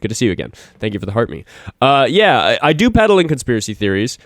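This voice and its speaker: A man hosting a live call-in debate stream who talks quickly and pushes back hard, interrupting to hold his point. His voice sits at an ordinary pitch and sounds dry and close, with no room echo. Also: big pitch swings. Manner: fast, argumentative, interrupts callers. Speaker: talk show host.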